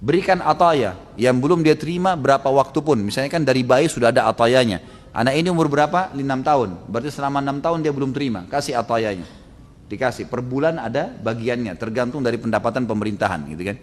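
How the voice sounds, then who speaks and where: A male Islamic preacher giving a storytelling sermon, acting out quoted characters with lively shifts and frequent tag questions. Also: mid-range voice, fast. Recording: long reverb of a large hall.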